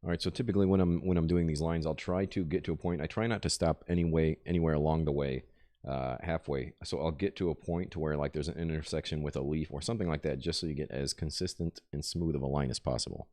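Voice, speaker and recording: A man's voice: a bass voice, fairly even intonation, quick pace, warm tone. A man, a tattoo artist, chatting casually on a live stream as he works, explaining technique in a laid-back way into a desk microphone. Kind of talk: casual live-stream chat while working.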